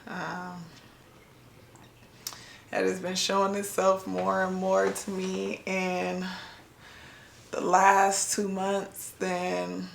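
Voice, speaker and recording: A woman from Ohio sharing a reflective faith talk on her vlog, speaking slowly and haltingly with many pauses and fillers, emotional and near tears. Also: fairly low pitch, vocal fry, roomy sound, a little hiss or hum. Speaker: vlogger.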